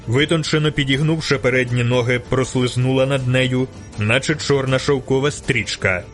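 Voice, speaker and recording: A man reading a fantasy novel aloud as audiobook narrator, with measured, dramatic storytelling. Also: mid-range voice. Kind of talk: scripted narration.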